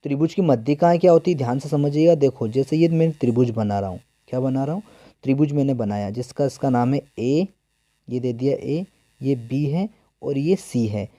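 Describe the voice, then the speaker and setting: With guitar music in the background of an echoey room, a man leads a math lesson for exam prep. His voice is warm and medium-pitched, his pace moderate, and he keeps asking his students questions that he answers himself while repeating key terms over and over.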